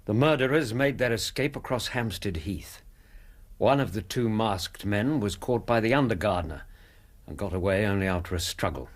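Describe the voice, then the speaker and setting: An English actor playing an earnest, troubled doctor and loyal companion in a radio drama, husky-voiced. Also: male voice, on the low side, animated, moderate pace. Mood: reporting. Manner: earnest, hesitant.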